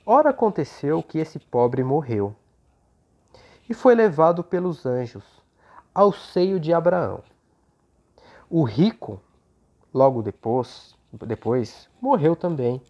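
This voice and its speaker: A Brazilian speaker leading an unhurried religious talk in short, gently explanatory phrases, with a voice slightly off from recovering from flu. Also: medium pitch. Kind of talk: prayer and informal religious talk with scripture reading. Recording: dull, lo-fi sound.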